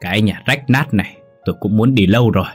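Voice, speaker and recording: Một người đàn ông giọng khàn, giọng miền Nam, lồng tiếng một gã trai trẻ say xỉn, lè nhè và ngang ngược. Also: male voice, lowish voice, quick pace, husky, faint music behind. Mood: belligerent. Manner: slurred, defiant shouting. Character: drunk, belligerent young man, slurring.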